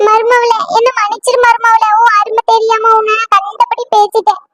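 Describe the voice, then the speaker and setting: A performer with a childlike, squeaky voice, voicing a scolding, excitable mother-in-law in a cartoon family comedy. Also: moderate pace, background noise. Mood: wailing, dismayed. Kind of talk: exaggerated cartoon comedy voice acting.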